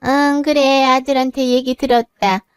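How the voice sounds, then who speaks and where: A woman's voice: sits high, level tone, moderate pace, smooth, no room sound, clean studio sound, soft background music, natural voice. A woman voicing an older mother-in-law who speaks in a firm, motherly, scolding way. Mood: firm, caring. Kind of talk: narrated drama voice acting.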